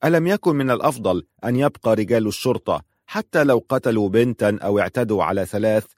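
A man narrating a historical novel in measured scripted storytelling. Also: lowish voice, expressive, darkish tone, dry recording, studio quality.

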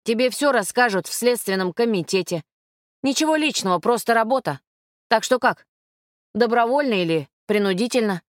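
A woman's voice: a little high, animated, moderate pace, no echo, lightly acted. A woman voicing a tough male police detective who gives curt, mocking orders, recorded dry and close.

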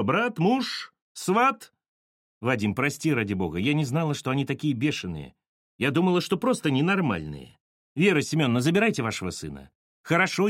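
Man voicing a fed-up young woman, bossy, scolding, lively swings, storybook style. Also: on the high side, no echo, studio quality. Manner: scolding, exclamatory. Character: exasperated young woman, sharp and commanding.

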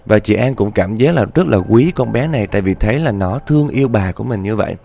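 A man's voice: lowish voice, expressive, fast, vocal fry, mellow. A man telling a ghost story in a chatty, dramatic way, often speaking straight to his listeners.

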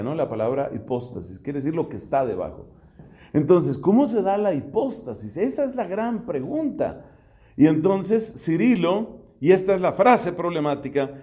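A man's voice: fairly high pitch, dark tone. A middle-aged man from Colombia, a priest giving a theology lecture, who explains step by step and poses rhetorical questions that he answers himself.

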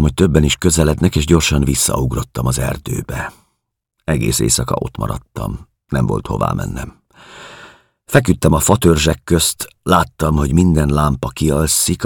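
A man reading a novel aloud in measured, somber audiobook narration. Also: rumbling low, creaky, breathy edge, no echo, studio quality. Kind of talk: scripted literary narration.

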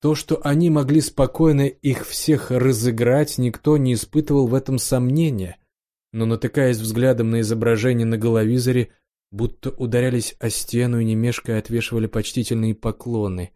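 A man reading a science fiction audiobook aloud in a steady, expressive narration. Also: mid-range voice, normal speed.

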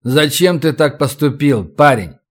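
A man's voice: fairly high pitch, expressive, measured pace. A man voicing a tough leader who gives curt, commanding orders. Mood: stern.

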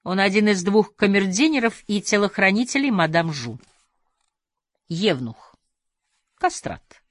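A woman voicing a guarded, sharp-tongued young woman who speaks in a cool, icy and curt way. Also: medium pitch, lively intonation, a little slow, dry recording, pitched above the performer's own voice.

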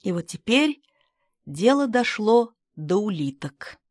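A woman's voice: medium pitch, very animated, slow pace, no room sound. A woman narrating an audiobook of a comic novel in a dry, wry tone. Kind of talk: reading a comic novel aloud.

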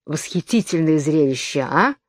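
A woman's voice: low voice, expressive, moderate pace, no room sound, studio quality. A woman voicing a smug, quarrelsome little twin brother who lectures and contradicts, in a storybook reading.

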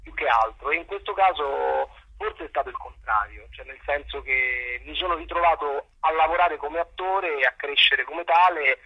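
A husky, rather high-pitched middle-aged man speaks at normal speed with hardly any pauses, captured in lo-fi sound. As a guest theatre director being interviewed, he talks casually but hesitantly, reflecting aloud and repeating words while he searches for the right ones.

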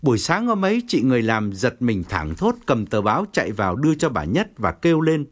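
A man narrating an audiobook story with expressive storytelling. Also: medium pitch, a little fast. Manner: expressive, wide-ranging storytelling.

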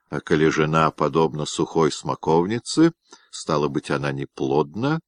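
A man's voice: low voice, dry recording, clean studio sound. A man voicing a suspicious, hot-tempered nobleman husband who scolds and lectures, in a dramatic reading of a historical novel. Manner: scolding, pompous, shouting.

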